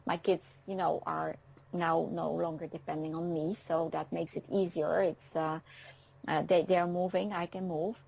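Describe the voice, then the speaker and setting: A woman's voice: deep voice, flat delivery, creaky, darkish tone, rough recording. A woman in her fifties from France, whose first languages are French and Dutch, speaking as a guest on an internet radio show. She talks in a reflective way and often stops to say "um.". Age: 50s. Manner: reflective, pausing often with ums.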